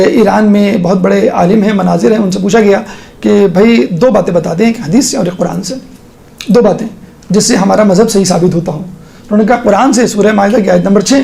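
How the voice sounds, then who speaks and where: A religious teacher giving a casual online lesson, walking listeners through a screen step by step. The talk is conversational, with frequent check-ins, and scripture is recited in slow, measured phrases. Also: medium pitch, vocal fry, mellow.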